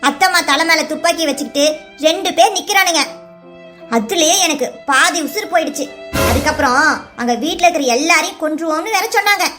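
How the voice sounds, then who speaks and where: A woman's voice: extremely high pitch, a little fast, bright, forceful tone. A woman voicing a timid young village girl in a cartoon serial, who asks pleading questions in a sing-song voice. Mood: hurt. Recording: music bed under voice.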